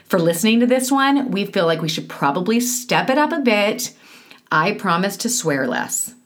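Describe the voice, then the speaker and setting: A woman co-hosting a podcast in a chatty, conversational way, with quick asides. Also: medium pitch, big pitch swings. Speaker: podcast co-host. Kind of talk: casual podcast chat.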